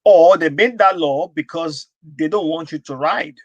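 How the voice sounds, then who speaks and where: A man with a slightly high voice hosts a live stream talk show at a moderate pace, answering in a thoughtful, agreeable way and backchanneling often. The sound is lo-fi with no echo, and the chat is casual.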